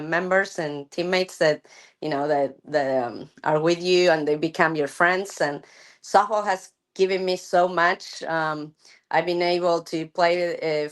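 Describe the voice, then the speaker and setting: A middle-aged woman from Argentina, a softball coach chatting thoughtfully in an interview, with many fillers and restarts. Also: fairly low pitch. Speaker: college softball head coach. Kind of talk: casual interview chat.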